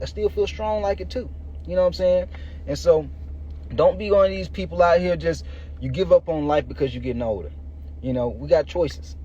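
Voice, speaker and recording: A warm voice on the high side comes from a man in his thirties, a podcast host and fitness coach. His informal motivational speech uses slang and colloquial language aimed right at listeners, and the lo-fi recording is muffled and noisy.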